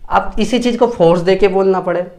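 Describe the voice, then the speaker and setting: High-voiced male teacher, explaining patiently. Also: brisk, darkish tone. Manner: repeats points and checks understanding often. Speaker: English teacher. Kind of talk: classroom grammar lesson in Hindi.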